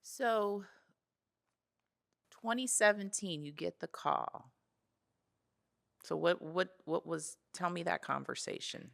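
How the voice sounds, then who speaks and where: A woman's voice: on the low side, vocal fry, fairly bright tone. A woman hosting an interview, prompting her guest in an encouraging, conversational way. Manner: slow, encouraging, frequent affirmations. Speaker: podcast host.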